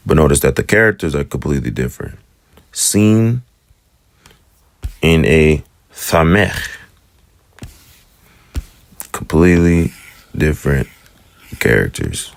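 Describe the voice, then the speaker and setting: Male teacher, extremely low voice, dry close sound, laid-back and meandering, draws sounds out. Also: dry recording. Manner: relaxed, rambling explanations with slow drawn-out sound demonstrations. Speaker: Hebrew teacher. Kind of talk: casual spoken lesson.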